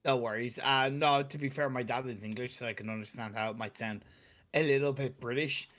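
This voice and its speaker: Irish esports caster, easygoing. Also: male voice, medium pitch, a little fast, a bit bright, soft background music. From Ireland. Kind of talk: live esports color commentary.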